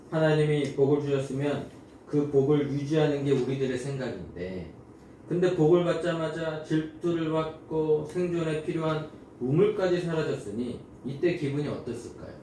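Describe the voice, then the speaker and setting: A male pastor preaching a sermon, telling the story in a lively way and acting out the voices of the people in it. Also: mid-range voice, a little hiss or hum. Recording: echoey church hall from far off.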